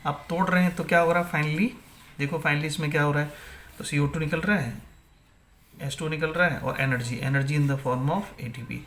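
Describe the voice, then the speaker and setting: A man teaches biology to exam students in a somewhat high voice. He keeps asking a question and answering it himself, and he slips English terms into Hindi. A faint hiss of noise sits behind him. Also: fairly even intonation, normal speed, a bit bright. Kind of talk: exam-prep lecture.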